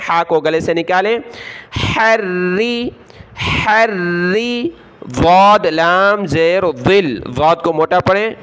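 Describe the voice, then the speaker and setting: A man teaching Quran reading word by word. He chants each word slowly and spells out its letters and vowel marks, then explains quickly. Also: high voice, a bit bright, clear, resonant tone. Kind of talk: word-by-word recitation lesson.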